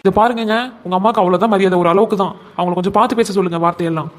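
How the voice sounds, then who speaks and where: A woman's voice: medium pitch, racing, lightly acted. A woman voicing a hurt young wife in a cartoon who complains about her mother-in-law and protests her innocence. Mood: aggrieved. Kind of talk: cartoon voice acting.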